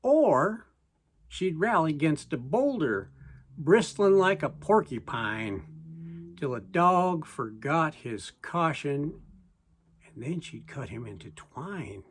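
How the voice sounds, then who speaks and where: A person with a reciting poetry as a story in verse, in a folksy way with deliberate pauses. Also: mid-range voice, sing-song, slightly rough.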